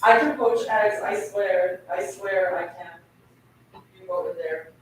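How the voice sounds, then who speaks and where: A young Turkish woman speaks slowly in a medium-pitched voice, chatting casually with her live stream audience as she cooks at home. She's talkative and giggly, talking to the food as she goes. Recorded far from the mic in an echoey kitchen, there's slight background noise.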